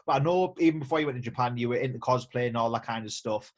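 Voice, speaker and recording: A man's voice: medium pitch, racing. A man, hosting a casual interview, chatty with frequent ums and restarts. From England. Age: 30s. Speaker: host. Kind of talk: casual video-call interview.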